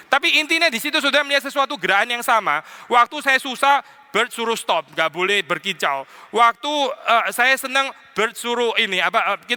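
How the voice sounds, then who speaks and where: A man preaches to his congregation in a chatty, teasing style, often acting out short exchanges. His voice sits high and sounds very bright and sharp. The sound carries a long church-hall reverb. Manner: conversational preaching with English phrases and playful mimicry. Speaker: pastor. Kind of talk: sermon. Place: church sanctuary.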